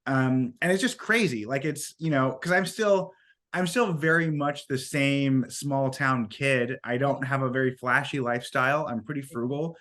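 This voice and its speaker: Hoarse American man with a smoker's rasp. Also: mid-range voice, normal speed, fairly bright tone. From small town in Washington, United States. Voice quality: raspy like a smoker, from being sick. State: sick, hoarse. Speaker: podcast guest. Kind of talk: casual interview storytelling.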